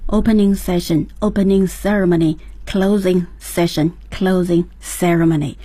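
A woman's voice: on the low side, fairly even intonation, a little slow, mellow, slightly rough, dry recording. A woman co-hosting a radio English lesson, introducing each new word and summing up what the teacher said. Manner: prompts the next word and recaps the teacher. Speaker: radio co-host. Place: radio studio.

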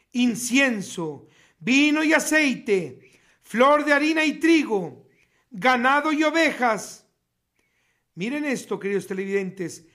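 A man preaching a sermon on the radio, reading scripture in a slow, emphatic, declamatory way. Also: extremely high pitch, bright, forceful tone. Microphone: radio studio mic.

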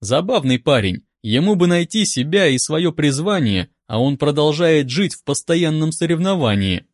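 A man calmly reading a first-person audiobook in an even, wry manner, close to a studio mic. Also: fairly high pitch, normal speed, no room sound. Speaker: audiobook narrator.

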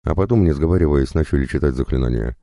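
A man narrating a first-person fantasy audiobook, reading in an expressive, conversational way. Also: a bass voice, fast talker, dry recording, clean studio sound.

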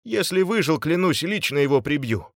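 A man puts on a battered, furious man whose voice jumps up high and loud with strain. He groans and hisses threats through his pain. It is an audiobook voice, close and dry. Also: big pitch swings, normal speed, no room sound. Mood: pained anger.

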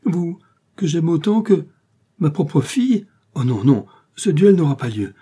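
A man's voice: medium pitch, animated, a little slow, mellow, breathy edge. A man voicing a fussy, anxious older mother-in-law who keeps pressing questions and grows frantic. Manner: prying, insistent questions, then frantic pleading.

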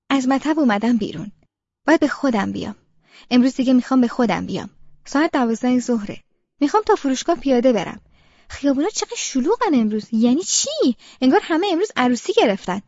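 A woman's voice: on the high side, darkish tone, no echo, dull audio. A woman narrating a first-person audiobook in an inward, present-tense monologue.

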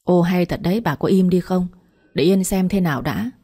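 A woman's voice: lowish voice, moderate pace, mellow, husky. A woman voicing an exasperated middle-aged village husband who talks in a dismissive, placating way.

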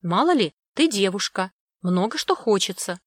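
A woman reading aloud and voicing a caring, worried middle-aged mother who talks loud and bright. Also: medium pitch, sing-song, moderate pace, no echo. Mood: fussing, caring.

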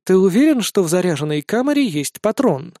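A man's voice: high-pitched, sing-song, a little fast, mellow, no echo, studio quality. A man reading an audiobook, voicing a cold, taunting young woman at a card table. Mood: icy. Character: young woman gambler, icy and mocking.

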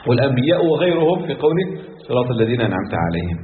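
A man's voice: mid-range voice, sing-song, very fast, a little hiss or hum. A man teaching a religious lesson on Quran exegesis, explaining points and repeating key phrases. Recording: echoey hall on a tinny lo-fi line.

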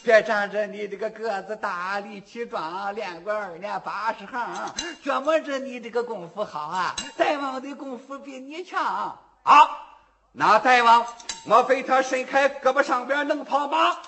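A storyteller voicing a timid but shrewd old man who mumbles, lowering and hushing his voice. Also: measured pace, exaggerated voice. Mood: scolding. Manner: mumbling, low and hushed, wheedling. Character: old male bystander, timid, shrewd, mocking. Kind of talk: traditional storytelling performance.

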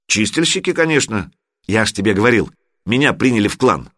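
A man reading an audiobook who voices a playful, cocky young man, speaking in a lively, teasing way. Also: lowish voice, fairly quick, no echo, clean studio sound. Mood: excited. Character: cocky young male gamer, playful and easygoing.

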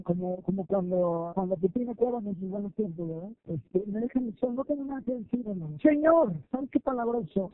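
A male pastor, preaching a lively sermon, acting out quoted voices and asking listeners questions. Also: high voice, no room sound. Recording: tinny phone-like, dry sound.

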